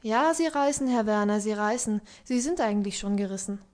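A woman's voice: fairly high pitch, moderate pace, darkish tone, lightly acted. A woman reading a dry, ironic baron. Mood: mocking. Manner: dry, mocking, subdued. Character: ironic, melancholy young baron.

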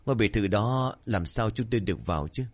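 A man's voice: lowish voice, expressive, fast talker, slightly rough. A man voicing a frightened village father who recounts events and pleads urgently. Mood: recounting. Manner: urgent, panicked.

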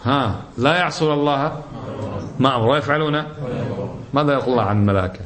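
A man's voice: medium pitch, fast talker, a crowd in the background. A middle-aged man giving a religious lesson in colloquial speech. He exhorts his listeners and fires off rhetorical questions. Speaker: religious teacher.

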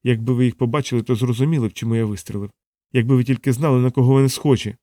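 Numb hunter in shock, flat and toneless, as a male reader puts him on. Dry sound. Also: mid-range voice, very fast, no room sound, lightly acted.

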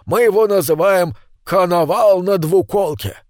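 A man's voice: high voice, measured pace, darkish tone, no room sound, clean studio sound, voice pushed up. A man voicing a sly, teasing old uncle who drawls his remarks. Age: older.

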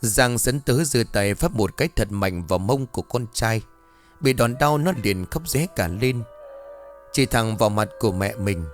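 A man's voice: lowish voice, expressive, normal speed, faint music behind. A man telling a scripted horror story, voicing every character himself. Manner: voices all characters himself, shifting tone for dialogue.

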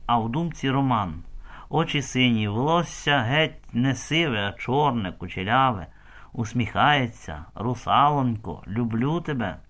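A male audiobook narrator tells a village drama with emotional expression. His pitch sits in a middle register but moves about a lot. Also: animated, unhurried, fairly bright tone.

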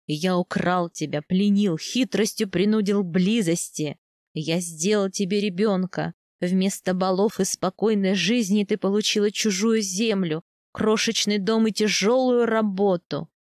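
A woman reading an audiobook, voicing a passionate young steppe husband in a lower, drawn-out tone. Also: darkish tone, no echo, studio quality, close to an everyday voice.

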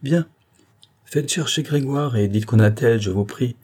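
A man reading the part of a young married woman, speaking softly but with resolve. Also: medium pitch, normal speed, slightly rough, close to an everyday voice. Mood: firm.

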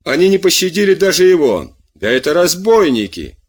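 A man voicing a distressed middle-aged farmer's wife with shrill, husky cries. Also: big pitch swings, unhurried, no echo, heavily acted.

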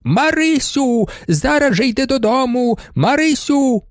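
A man voicing a shrill, hysterical middle-aged baroness who shrieks and wails. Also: lively intonation, a little slow, dry recording, clean studio sound. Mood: shrieking. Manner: shrieking, wailing.

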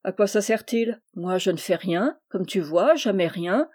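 A woman voicing an idle middle-aged male drunkard who talks in a calm, even, resigned way, in a read-aloud story. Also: medium pitch, a little slow. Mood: weary, resigned. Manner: calm, even, world-weary delivery.

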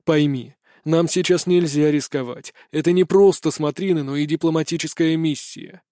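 An irritable aristocratic father, voiced by a male reader in an audiobook, blustering and then coldly threatening. The voice sits somewhat higher than usual for a man. The recording is close and dry. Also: moderate pace, dark tone, no room sound, natural voice. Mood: placating. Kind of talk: audiobook character voice.

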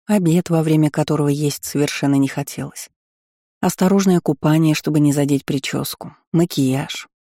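Man, audiobook narration, calm, mellow, slightly high, dry. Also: no room sound. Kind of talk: scripted narration.

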